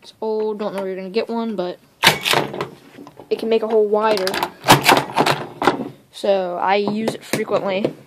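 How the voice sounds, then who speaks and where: A woman giving a casual, rambling tour of her home electronics workshop, talking quickly and interrupting herself as she films with a handheld phone. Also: medium pitch, little pitch movement, heavy background noise. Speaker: electronics hobbyist vlogger. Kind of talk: casual unscripted shop tour. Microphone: handheld phone camera.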